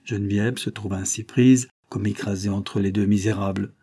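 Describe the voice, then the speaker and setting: A man reading a novel aloud in a measured, dramatic storytelling manner. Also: lowish voice, steady tone, dark tone, breathy edge. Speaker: audiobook reader. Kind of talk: audiobook narration.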